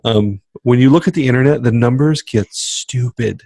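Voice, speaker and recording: A man co-hosting a podcast in a casual, emphatic way. He keeps circling back to his point like a motivational speaker. His voice sits at an ordinary middle pitch and is recorded close and dry on a studio mic. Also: moderate pace, vocal fry, warm tone, dry recording. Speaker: podcast co-host.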